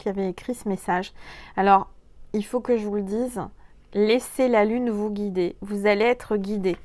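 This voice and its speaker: A woman's voice: medium pitch, a little mellow. A woman giving a casual spiritual card reading to camera, talking to the viewer directly with many fillers and small hesitations, recorded on a phone at home. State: coughing, throat irritated. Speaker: tarot and oracle card reader.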